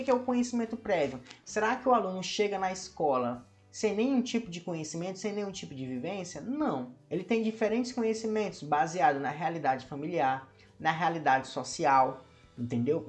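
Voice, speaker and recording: Brazilian man teaching with rhetorical questions. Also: high-pitched. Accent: Brazilian Portuguese. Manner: asks many rhetorical questions and addresses viewers as "meu povo". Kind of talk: lesson explanation to camera.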